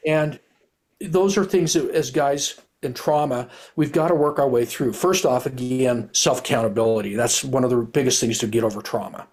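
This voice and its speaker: A man's voice: mid-range voice, moderate pace, darkish tone. A middle-aged man, a retired police officer, telling his story in a candid, rambling, earnest way, often restarting his sentences.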